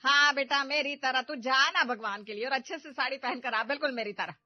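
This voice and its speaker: A woman voicing a bossy, sharp-tongued middle-aged mother-in-law who scolds loudly and impatiently in a cartoon story. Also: on the high side, moderate pace, no echo, lightly acted. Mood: scolding. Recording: slightly dull audio with background music.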